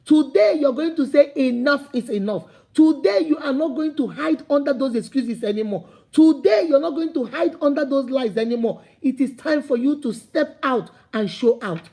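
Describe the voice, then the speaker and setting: With lively intonation and few pauses, a Nigerian-accented motivational speaker talks at a moderate pace in a high, mellow voice. Her impassioned, preachy talk keeps repeating and building toward emphatic calls.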